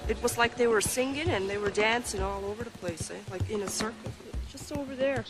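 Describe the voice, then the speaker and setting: A woman's voice: fairly high pitch, brisk, music in the background. A woman in her thirties, interviewed alongside her mother, recalling a childhood memory in a casual, chatty way. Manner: casual, chatty, with small laughs. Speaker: interviewee, daughter. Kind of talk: casual spoken recollection.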